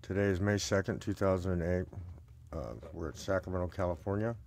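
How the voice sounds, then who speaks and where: Deep-voiced hesitant man in his forties. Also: steady tone, brisk, a little mellow, a little hiss or hum. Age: 40s. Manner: hesitant, plain, many fillers. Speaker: interviewer, geology student. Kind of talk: casual personal conversation. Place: small recording booth.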